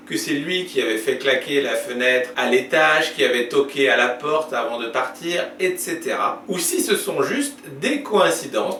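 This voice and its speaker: A man's voice: on the high side, fairly bright tone, echoey room, distant mic, a little hiss or hum. A man, a library storyteller, chatting casually with young viewers after a story, musing and asking questions.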